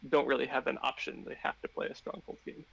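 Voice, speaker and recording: A man's voice: mid-range voice, monotone, fast, vocal fry, fairly bright tone, breathy edge, lo-fi sound. A man talking through board game strategy on a live stream, thinking aloud with many fillers and restarts.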